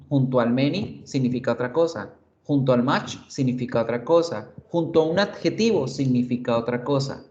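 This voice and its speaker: A man teaching an online English class, explaining slowly and checking in with short questions. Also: medium pitch, darkish tone, lo-fi sound.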